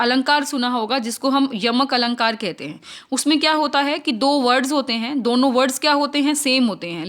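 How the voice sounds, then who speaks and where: High-voiced Indian woman teaching literature. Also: fairly bright tone. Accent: Indian English. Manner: explains in mixed Hindi and English, asks and answers her own questions; reads English question lines slowly and deliberately. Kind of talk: exam-prep literature lesson.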